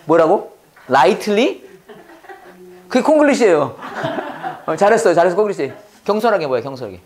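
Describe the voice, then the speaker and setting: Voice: medium pitch, big pitch swings, a little mellow. An English teacher running a Bible-based lesson, quizzing the class and drilling phrases in call-and-response. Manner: quizzing, repeats phrases slowly for learners.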